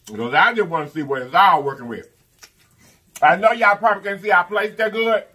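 A woman's voice: fairly low pitch, fairly quick, bright, forceful tone, husky. A woman with chatting to viewers during a mukbang eating vlog, with lots of mm sounds between bites. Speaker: mukbang vlogger. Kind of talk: casual eating vlog chat.

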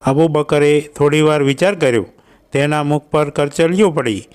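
A man narrating a fairy tale in an even storytelling manner, reading every character in his own plain voice. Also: on the high side, moderate pace, clean tone.

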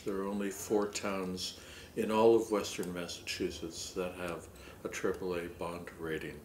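Middle-aged man, low voice, public access TV host, formal measured delivery, echoey room. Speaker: town administrator hosting a public access TV report. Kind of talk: formal scripted informational presentation. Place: indoor wood-paneled meeting room, seated at a table. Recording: roomy echo with clear background noise.

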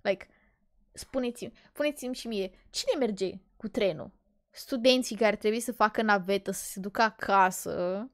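A young woman from Romania streaming, ranting casually and sarcastically with dramatic swings between muttering and loud outbursts. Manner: exasperated, sarcastic, dramatic swings in loudness and pitch. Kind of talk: casual rant.

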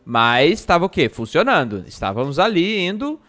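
Jumpy, expressive young Brazilian man. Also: a little high, moderate pace. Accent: Brazilian Portuguese. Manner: jumpy, shrieks and curses when startled, laughs often. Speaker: streamer. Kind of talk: live gameplay commentary.

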